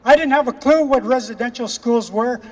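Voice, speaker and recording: A man from Canada delivering an impassioned speech at an outdoor rally, emphatic and repetitive, slowing down to stress key phrases. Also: extremely high pitch, big-room sound. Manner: emphatic, repetitive, with slow weighty pauses. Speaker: rally speaker.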